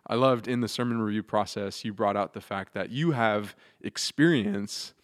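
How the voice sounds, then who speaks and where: A man co-hosting a church podcast asks thoughtful, rambling questions, often restarting them, in a casual discussion. His voice sits on the low side at a moderate pace, with a long reverb tail.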